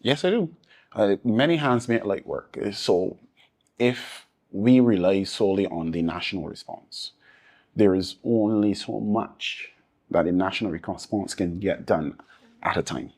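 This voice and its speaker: A Barbadian man speaks as an interview guest, his voice sitting very low with a husky edge. He answers earnestly and in measured steps, stacking his points in repeated phrases. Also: a little mellow. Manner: measured, listing points in layered repetition. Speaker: interview guest, disaster resilience advocate.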